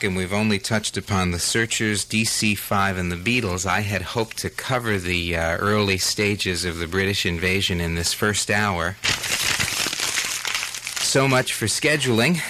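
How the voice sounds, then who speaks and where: A man's voice: fairly low pitch, normal speed, bright, forceful tone. A man presenting on the radio as a host. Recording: faint background noise.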